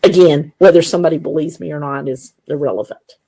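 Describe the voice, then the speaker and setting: Woman guest, raspy and gravelly, low-pitched, casual animated storyteller who acts out quotes. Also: fast. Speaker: guest, Bigfoot investigator.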